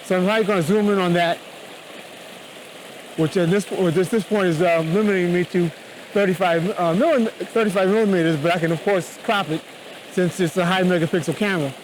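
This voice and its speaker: A man giving a casual photography tutorial outdoors, talking up to be heard beside a rushing river. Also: high-pitched, steady tone, low-quality recording. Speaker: photography vlogger. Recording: loud rushing stream noise. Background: rushing water.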